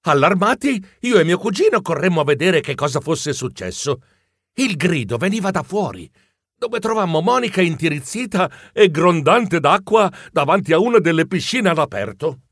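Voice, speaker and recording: A man narrating a children's audiobook, lively and expressive. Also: on the high side, normal speed, dry recording, studio quality.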